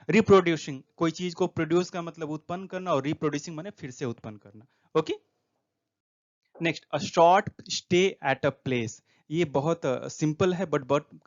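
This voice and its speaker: A man giving an exam prep lesson, explaining each word slowly and reading English prompts aloud. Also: fairly high pitch. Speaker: teacher. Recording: dull lo-fi recording.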